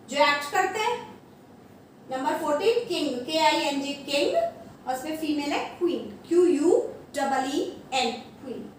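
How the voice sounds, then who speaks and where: A woman's voice: high-pitched, far from the mic. A woman teacher with an Indian English accent, giving an online grammar class to young children and spelling words out letter by letter. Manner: spells words letter by letter, calls pupils beta. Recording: echoey room, away from mic, faint background hum.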